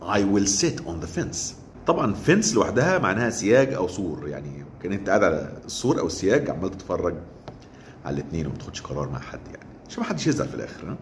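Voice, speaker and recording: A man with an Egyptian Arabic accent giving a casual English lesson, saying the English phrases very slowly and then adding quick joking asides. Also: sits low, big pitch swings, a little hiss or hum. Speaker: English teacher.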